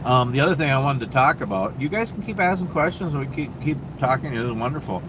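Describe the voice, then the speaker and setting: Here the host's voice is medium-pitched, animated and quick as he rambles through viewer questions on his casual livestream. His Minnesota accent comes through, along with lots of ums and restarts. Traffic and air conditioning noise fill the truck stop around him.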